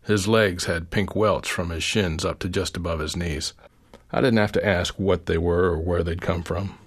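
A middle-aged man reading his own memoir essay aloud, in a quiet, measured storytelling manner. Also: low-pitched, steady tone, breathy edge.

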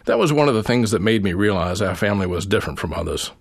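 A middle-aged man reading his own memoir essay aloud, in a quiet, measured storytelling manner. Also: lowish voice, lively intonation, creaky, slightly rough.

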